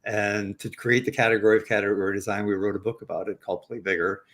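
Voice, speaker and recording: A man speaking as a guest author in a live online interview over a video call, halting and quick to laugh. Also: lowish voice, fairly even intonation, a bit bright. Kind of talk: casual interview talk.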